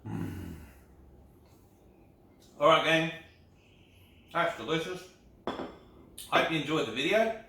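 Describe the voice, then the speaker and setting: A man's voice: on the high side, sing-song, unhurried, vocal fry, pauses often, pushed and bright, heavy reverb, distant mic, a little hiss or hum, low-quality recording. A man, chatting casually through a home cooking vlog in an upbeat way. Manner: chatty, upbeat, laughs often. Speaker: cooking vlogger. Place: home kitchen.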